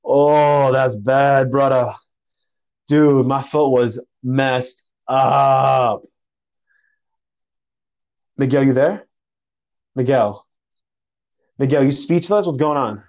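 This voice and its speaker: A young man telling a story in a casual podcast chat, animated and slangy, calling people bro and dude. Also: medium pitch, slow pace, pauses often, lo-fi sound.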